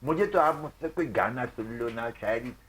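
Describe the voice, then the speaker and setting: A man, a sports journalist on a talk-show panel, speaking with theatrical indignation and breaking into loud outcries. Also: medium pitch, lively intonation, moderate pace, slight background noise. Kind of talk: dramatic emotional talk-show rant.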